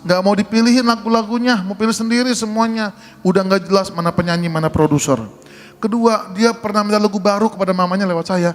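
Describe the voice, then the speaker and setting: Humorous, conversational middle-aged preacher. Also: male voice, high voice. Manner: humorous, conversational, addresses the congregation. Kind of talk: sermon with storytelling.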